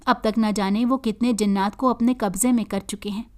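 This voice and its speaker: A woman's voice: mid-range voice, steady tone, a little fast, close to an everyday voice. A woman voicing a loyal young male friend who reassures the hero, in a read-aloud story. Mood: concerned.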